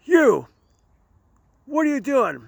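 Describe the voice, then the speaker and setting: A man's voice: very high voice, sing-song, slow, gravelly, no echo, pitched above the performer's own voice, full character voice. A man voicing a disgusted, angry male police officer who barks orders. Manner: barking, shouting orders.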